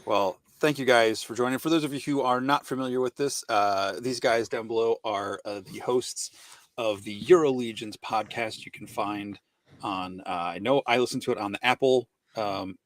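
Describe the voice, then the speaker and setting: A man's voice: medium pitch, normal speed, no echo. A man hosting a casual podcast over a call, rambling through friendly introductions. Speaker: podcast host.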